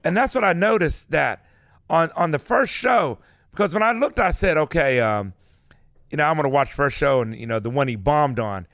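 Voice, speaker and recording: A man's voice: on the high side, expressive, normal speed, fairly bright tone, dry recording, studio quality. A man co-hosting a radio show, asking questions in a chatty, stumbling way. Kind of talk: casual interview.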